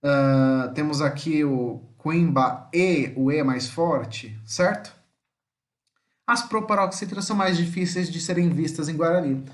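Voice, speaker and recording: Brazilian Portuguese male teacher, slightly high voice, patient explainer for an online lesson, sounds words out slowly. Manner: explains patiently, often checks in with the listener; slowly spells out words syllable by syllable. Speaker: language teacher.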